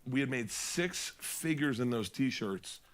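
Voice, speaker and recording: A comedian telling stories in casual podcast chat, rambling and animated, laughing and swearing as he goes. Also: medium pitch, takes it slowly, slight background noise. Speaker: comedian guest.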